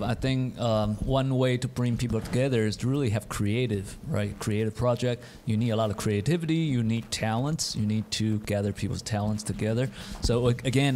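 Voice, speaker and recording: Low-voiced male moderator. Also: a little mellow, slight background noise. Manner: upbeat, encouraging. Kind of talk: moderating a panel.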